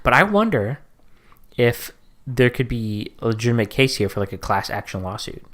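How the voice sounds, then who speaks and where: A man co-hosting a casual podcast gets worked up and swears as he rants. His mid-range voice is fairly bright, moves at a moderate pace, and swings widely in pitch.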